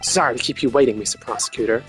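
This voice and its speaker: A man's voice: medium pitch, very fast, music in the background, natural voice. A man voicing a confident, swaggering Interpol agent in a video game, with a casual, cocky delivery. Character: confident, swaggering male Interpol agent, proverb-quoting detective.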